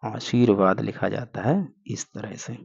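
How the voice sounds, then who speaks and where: A man's voice: on the low side, measured pace, vocal fry, a little mellow, slightly rough. A man teaching an exam-prep grammar lesson, explaining step by step and answering his own questions. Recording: dull lo-fi recording.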